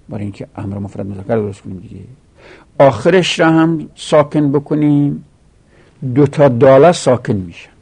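A man's voice: medium pitch, gravelly, warm tone. A man teaching an Arabic grammar lesson, explaining step by step and repeating each rule.

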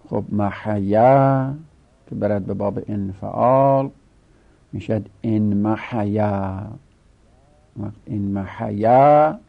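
Male seminary teacher, low gravelly voice, chants conjugations, dull lo-fi recording. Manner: chanting word forms in drawn-out recitation. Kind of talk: Arabic grammar lesson.

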